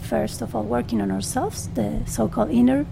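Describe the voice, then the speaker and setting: Very creaky Argentine-accented woman, searching for words. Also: a little high, normal speed, noisy background. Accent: Argentine Spanish. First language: Spanish. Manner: hesitant, searching for words in non-native English. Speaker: radio interview guest, artist and educator. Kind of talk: interview conversation. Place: radio studio.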